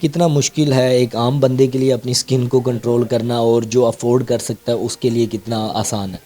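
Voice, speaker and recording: A man's voice: mid-range voice, little pitch movement, normal speed, warm tone. A man with a Pakistani Urdu accent, hosting a show and interviewing staff at a clinic, talking casually and turning to address viewers. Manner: conversational, addresses viewers directly. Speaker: interview host. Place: skin clinic.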